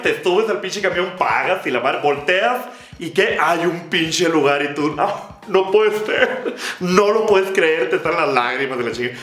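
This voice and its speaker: A man's voice: on the high side, fairly bright tone. A young Mexican man with a Mexican accent delivering an exaggerated, swear-filled comedic rant as a vlogger. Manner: profane, exaggerated, lots of swearing. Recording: roomy room echo.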